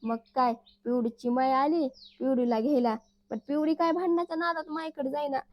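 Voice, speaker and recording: A woman's voice: high voice, steady tone, a little fast, dry recording, lo-fi sound. A woman narrating a family vlog as a teasing, chatty comic storyteller who acts out the lines she quotes. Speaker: family vlogger.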